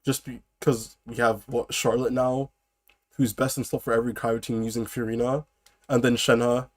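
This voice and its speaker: A man's voice: mid-range voice, level tone, normal speed. A man sick with a cold chatting casually on a live stream, greeting viewers and breaking off to laugh and cough. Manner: laughs and coughs between phrases; chats loosely with viewers.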